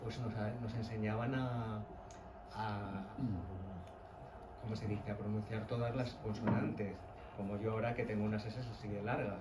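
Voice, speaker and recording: A man's voice: lowish voice, flat delivery, normal speed, roomy sound, far from the mic, very noisy. A man from Spain with a slight La Mancha accent, the author, speaking thoughtfully at a book presentation. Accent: Castilian, from La Mancha. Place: event venue.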